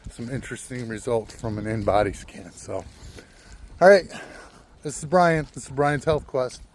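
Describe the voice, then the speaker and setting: A man in his sixties giving a casual vlog check-in outdoors, talking in a relaxed, rambling way with plenty of fillers. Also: mid-range voice. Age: 60s. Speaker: vlogger. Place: outdoors, walking and at a golf course.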